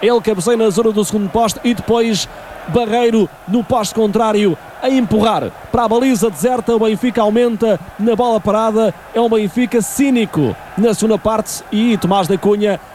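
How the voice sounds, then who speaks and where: Very high-pitched Portuguese male football commentator. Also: moderate pace, a little hiss or hum. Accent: European Portuguese. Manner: excited, emphatic. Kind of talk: live radio football commentary.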